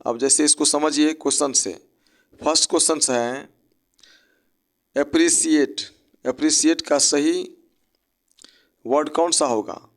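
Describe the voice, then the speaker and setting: A man's voice: a little high, fairly even intonation, slow, long pauses. A man teaching an English spelling lesson, breaking words into syllables and spelling them out letter by letter.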